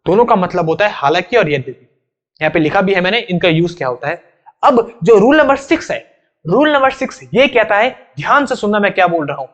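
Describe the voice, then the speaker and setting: A man's voice: sits high, sing-song, fairly quick. A man with a Hindi accent teaching English grammar for exam prep, repeating each rule insistently and speaking straight to his students. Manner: repeats rules insistently, addresses students directly. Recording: slightly dull, lo-fi sound.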